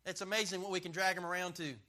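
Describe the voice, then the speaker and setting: A man's voice: high voice, level tone, rapid-fire, sharp tone. A middle-aged man preaching a sermon as a pastor, emphatic and punchy, joking and drawing call-and-response from the crowd.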